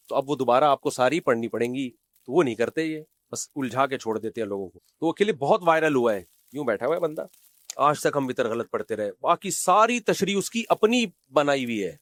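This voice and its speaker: A man's voice: on the high side, no echo. A man who is an Islamic scholar giving a religious lecture, scolding and sarcastic, who recites Arabic quotations and mimics the people he criticizes.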